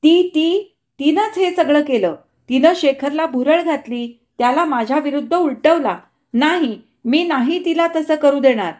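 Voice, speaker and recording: A woman's voice: high-pitched, expressive, a little slow, darkish tone, voice pushed up. A woman voicing a hysterical young woman who shrieks and sobs in frantic rage, in a storybook reading. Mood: frantic, shrieking.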